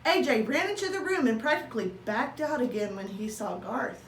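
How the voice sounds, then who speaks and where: With a slightly high, lively voice and a brisk pace, a woman reads a children's story aloud the way a teacher would, acting out the dialogue expressively. The mic sits at a distance in a roomy space, with faint noise in the background.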